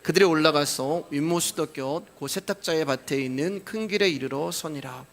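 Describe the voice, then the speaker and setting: A man's voice: fairly high pitch, normal speed. A male pastor preaching a sermon, explaining scripture and questioning the congregation with rhetorical questions. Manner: cues scripture readings aloud.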